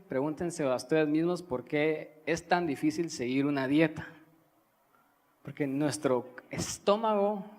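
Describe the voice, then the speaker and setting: A young man from Guatemala, preaching a sermon in an earnest teaching manner, pausing to stress key words. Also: a little high. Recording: reverberant church hall.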